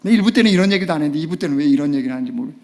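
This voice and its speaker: A man with a high-pitched voice preaches a Sunday sermon in a church sanctuary. His delivery is emphatic and dramatic, dropping to near whispers and then rising to loud, pleading cries. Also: lively intonation, very fast, gravelly. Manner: emphatic preaching that swings from hushed to loud exclamations. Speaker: pastor.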